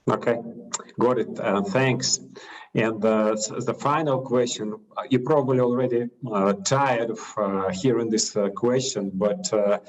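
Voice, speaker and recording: A man asking interview questions in a halting, hesitant way with many fillers. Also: fairly low pitch, fairly even intonation, rough recording.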